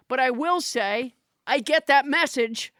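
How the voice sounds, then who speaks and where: A woman comedian hosting a talk show, rambling wryly and telling deadpan jokes. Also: high voice, a little slow, no echo, studio quality. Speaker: comedian host. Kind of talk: comedy podcast banter.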